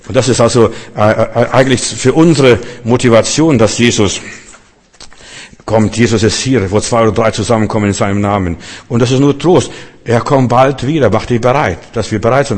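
A man preaching a sermon in a chatty, rambling way, often repeating words as he restarts. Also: on the low side. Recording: long hall reverb.

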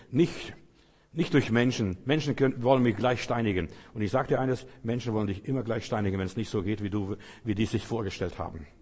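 A man preaching a sermon with emphatic swings between loud outbursts and quiet asides, acting out biblical speakers. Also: medium pitch, husky, big-room sound. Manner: acts out biblical speakers in quoted lines.

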